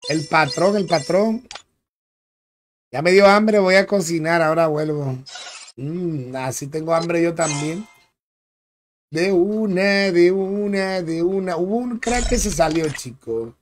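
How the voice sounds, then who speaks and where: A man's voice: fairly high pitch, measured pace, slight background noise. A young man streaming a game live, chatting in a laid-back way, repeating himself and greeting viewers by name. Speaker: gaming streamer.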